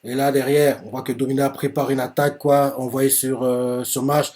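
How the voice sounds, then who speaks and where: A man casually retelling a manga chapter for a reaction video, excited, full of fillers and quick laughs. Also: mid-range voice.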